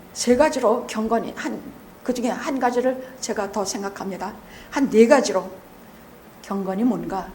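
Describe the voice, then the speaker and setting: Sex: woman. Role: pastor. Style: sermon, high voice. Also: a little hiss or hum. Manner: swings from quiet asides to loud shouted emphasis; blunt, teasing, colloquial preaching. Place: church sanctuary.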